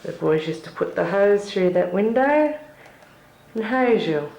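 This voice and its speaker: Aussie woman showing round her old family house, talks slow, reminiscing, camcorder mic. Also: medium pitch, lively intonation, vocal fry, a little mellow, low-quality recording. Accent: Australian. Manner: reminiscing, chatty narration while walking. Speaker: family member giving a home tour. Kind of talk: casual home-video walkthrough. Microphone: camcorder microphone.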